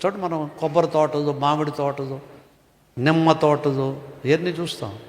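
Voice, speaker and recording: High-voiced pastor preaching in echoey hall. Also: male voice, steady tone, normal speed. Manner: rhetorical questions, swings between loud and hushed. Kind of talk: sermon.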